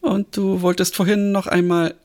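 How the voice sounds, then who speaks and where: A man voicing a wary, sharp-tongued woman sleuth who presses with sarcastic questions. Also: high voice, little pitch movement, moderate pace, pitched above the performer's own voice. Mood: suspicious.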